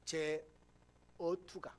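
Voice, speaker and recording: A man preaching a sermon in a softened Gyeongsang accent from Busan. He turns to the congregation again and again and moves between loud, emphatic lines and low, quiet asides. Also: little pitch movement, drawn-out words. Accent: softened Gyeongsang Korean. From Busan, South Korea. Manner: addresses the congregation directly, often saying "여러분". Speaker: pastor. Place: church sanctuary.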